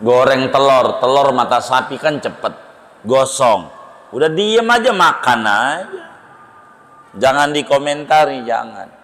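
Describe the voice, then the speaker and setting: A man's voice: mid-range voice, animated, a little slow, a bit bright. A male Islamic preacher, giving a humorous, storytelling sermon. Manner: joking, storytelling, conversational.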